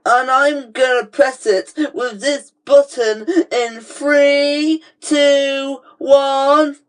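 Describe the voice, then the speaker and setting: Villain for homemade train story, male performer, slow gloating menace, theatrical threats, drawn-out words. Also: extremely high pitch, level tone, a bit bright, voice pushed up, heavily acted. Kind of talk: amateur storytelling with toy-train characters.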